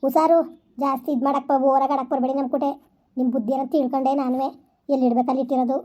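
Woman as a young elder sister, indignant, scolding, very fast, high-pitched. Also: flat delivery, mellow. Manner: scolding, indignant, rapid-fire. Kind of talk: village family skit.

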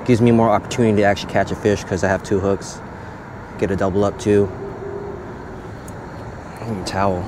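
In a fairly low, steady voice, a young man speaks briskly but pauses often as he vlogs casually while fishing from an outdoor pier. He's upbeat and chatty, and his head-mounted action camera picks up outdoor audio with clear noise.

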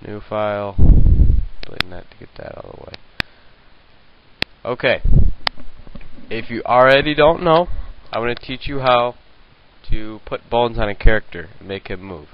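A young man giving a casual screen-recorded software tutorial, rambling and hesitant with many fillers, talking into a handheld mic at his home computer. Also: on the low side, animated, normal speed, dull audio, noisy background. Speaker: tutorial maker.

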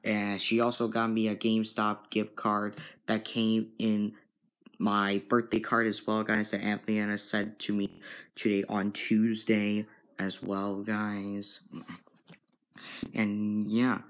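A young man filming a casual home vlog, talking slowly and repeating himself, often calling out to his viewers. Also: lowish voice, fairly bright tone. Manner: slow and repetitive, keeps addressing "guys". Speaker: vlogger. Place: bedroom at home. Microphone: handheld phone camera.

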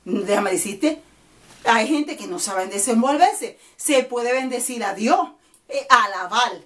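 A woman's voice: fairly high pitch, animated, slow pace, a bit bright. A woman evangelist tells funny anecdotes in a loose, casual monologue, keeps asking her listeners "right?", and acts out the people in her stories. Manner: jokey, tells funny anecdotes, often asks "¿verdad?", acts out voices.

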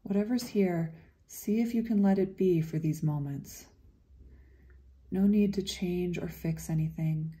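In a lowish voice, a woman guides a meditation, gentle and unhurried. Her delivery is soothing, with long pauses separating each phrase.

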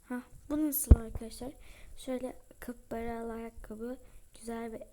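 A woman's voice: fairly high pitch, steady tone, normal speed. A woman casually commenting as she plays a game, talking to her viewers and often dropping into whispered asides. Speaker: gaming channel host. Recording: loud background hiss with clicks.

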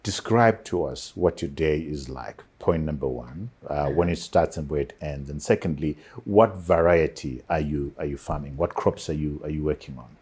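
A middle-aged man hosting a studio interview, asking questions in an expressive way, recorded on a lapel mic. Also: very deep voice, moderate pace, few pauses, husky. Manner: expressive, leans back, gestures widely. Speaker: talk show host. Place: small television studio set.

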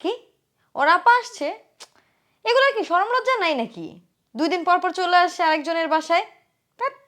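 A woman playing a spiteful young wife who scolds loudly and sneers at her husband's sister. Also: very high-pitched, animated, normal speed. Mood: scornful. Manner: scolding, loud and contemptuous. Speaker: sharp-tongued wife. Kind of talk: short film acting.

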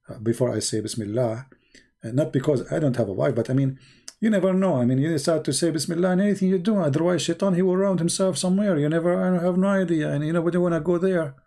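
An online commentator with a mellow, medium-pitched voice delivers a sarcastic, rambling mocking monologue in broken non-native English, asking mock-naive questions.

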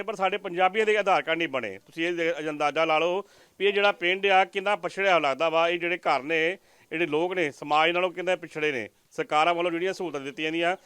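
A man's voice: fairly high pitch, fairly bright tone, clear, resonant tone, no room sound. A man with a Majhi Punjabi accent reporting from a village, interviewing a poor family and earnestly pleading with viewers. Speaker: news reporter. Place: village outdoors.

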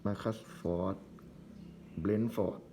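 A man's voice: a little slow, warm tone, slight background noise. A man casually commenting while opening trading card packs, reading out player names in short bursts with chatty asides.

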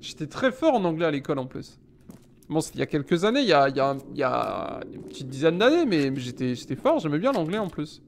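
A French man in his thirties, a gaming streamer, jokes with his chat over a desk mic while playing, teasing and acting mock-indignant in casual Let's Play commentary. His voice runs high and sing-song, quick and creaky, recorded in a small room at home with a faint hiss or hum.

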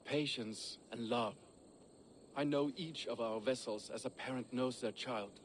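An actor playing a proud, blunt Viking shipbuilder in a video game, with a gruff, plain-spoken manner. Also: male voice, mid-range voice, unhurried, slight background noise, lightly acted. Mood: earnest.

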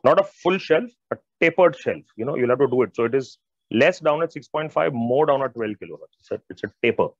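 A middle-aged audio expert with an Indian accent talks a little fast in an expressive, mid-range voice while presenting on a video call. His technical explanations are informal and emphatic, full of repeated phrases and direct address to listeners. Wired earphones make the call audio dry, dull, and band-limited.

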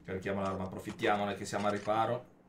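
A man commentating his own shooter gameplay, taunting opponents and breaking into excited outbursts. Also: on the low side, fast, recorded from a distance, a little hiss or hum. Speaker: gaming YouTuber.

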